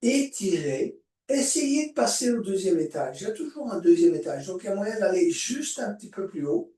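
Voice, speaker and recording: Calm male yoga teacher, echoey room. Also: high-pitched. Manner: calm, guiding, drawn-out cues. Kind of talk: guided yoga class instruction. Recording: echoey room, voice far from mic.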